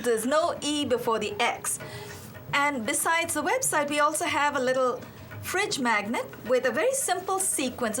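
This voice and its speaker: A woman's voice: sits high, a bit bright. A woman hosting a studio yoga show, bubbly and chatty as she talks with guests. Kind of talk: upbeat studio talk show chat.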